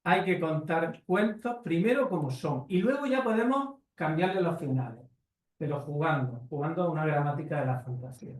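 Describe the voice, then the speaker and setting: A man's voice: fairly high pitch, animated, normal speed, distant mic. Emphatic man lecturing in an echoey hall. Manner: emphatic, lecturing with rhetorical tags. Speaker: conference panelist. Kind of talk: conference talk answering questions. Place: conference hall.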